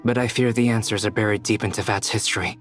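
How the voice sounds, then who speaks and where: An actor playing a calm, thoughtful young scholar in a video game, speaking in a measured way. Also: male voice, fairly low pitch, faint music behind, natural voice.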